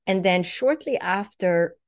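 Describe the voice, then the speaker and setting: A woman's voice: mid-range voice, animated, a little slow. A woman from Sweden telling a personal story in vivid detail, acting out what she thought and what others said. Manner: vivid, acts out quoted thoughts and speech. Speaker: guest.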